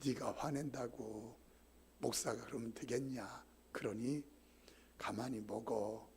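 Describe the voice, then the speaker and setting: Casting: God as a calm, fatherly voice, low and quiet, slightly husky, played by a preacher. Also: moderate pace, close to an everyday voice. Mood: gentle rebuke. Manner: low, hushed, admonishing.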